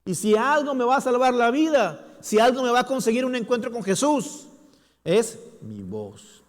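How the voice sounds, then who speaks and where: A man's voice: very high voice, big pitch swings, normal speed, voice pushed up. A man voicing a desperate blind beggar who cries out with determination. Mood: pleading. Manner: pleading, determined. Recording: long church hall reverb.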